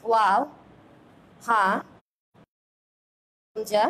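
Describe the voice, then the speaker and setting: A woman's voice: medium pitch, level tone, fairly bright tone, slight background noise. A woman teaching an online class with a Bangladeshi Bengali accent, calling out letters one by one and asking her pupils questions as she goes. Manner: slow, drilled recitation of letters with questions to pupils.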